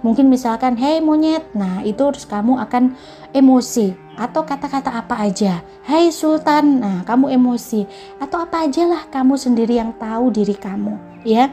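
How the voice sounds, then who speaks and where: A woman giving a casual motivational talk, speaking gently and directly to the listener and mixing English phrases into her speech. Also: a little high, fairly quick. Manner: mixes English phrases into Indonesian. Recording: soft background music.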